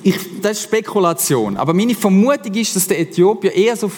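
A man with a Swiss German accent preaching a casual, animated sermon as pastor. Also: high voice, fairly quick. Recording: long hall reverb.

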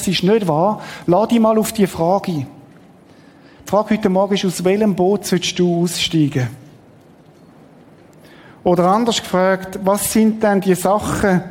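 A man's voice: high-pitched, normal speed, long pauses, a little mellow. A middle-aged man, giving a conversational sermon as a pastor and asking the congregation questions. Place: church hall. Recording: long hall reverb.

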